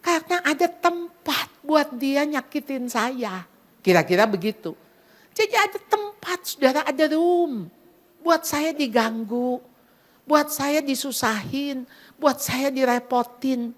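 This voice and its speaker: A middle-aged woman with a somewhat high voice preaches to a crowded church hall at a Christmas gathering. She is animated and speaks straight to the listeners as "saudara", mixing English phrases into her talk. She swings her voice wide as she acts out the thoughts and prayers she describes. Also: takes it slowly. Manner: animated, dramatizes inner voices and prayers with big pitch swings. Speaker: women's ministry speaker. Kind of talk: sermon.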